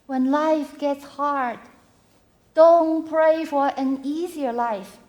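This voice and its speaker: Female keynote speaker, high voice, unhurried, motivational, short emphatic phrases. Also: fairly even intonation, darkish tone. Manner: slow, measured phrasing in short emphatic chunks. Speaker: mental health keynote speaker. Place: arts center venue before a live audience.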